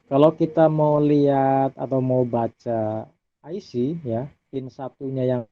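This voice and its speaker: Man, lecturer, relaxed slide lecture, tinny phone-like sound, no room echo. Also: mid-range voice, takes it slowly. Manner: relaxed, adds tag "ya" often. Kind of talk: recorded lecture over slides. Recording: dry, phone-like audio.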